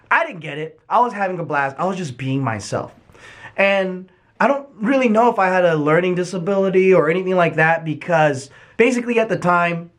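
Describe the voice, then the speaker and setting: A young man telling stories from his childhood in a casual, candid monologue, swearing freely and acting out the people he quotes. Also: high voice. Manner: candid and profane, animated retelling.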